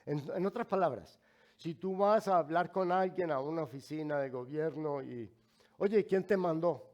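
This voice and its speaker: A man with a Mexican accent preaching a sermon as pastor, speaking in a slow, emphatic way with asides to the congregation. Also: a little high, dull audio.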